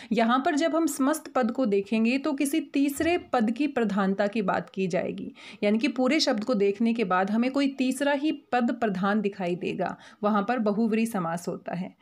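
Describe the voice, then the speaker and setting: A woman with a fairly high voice teaches grammar from her slides. She is patient and methodical, and she slows down to spell out every example word. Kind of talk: explaining grammar over slides.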